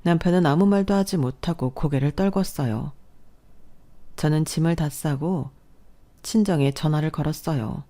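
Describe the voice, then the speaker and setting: A woman's voice: low voice, normal speed, mellow. A woman narrating a first-person family drama story in a scripted radio style.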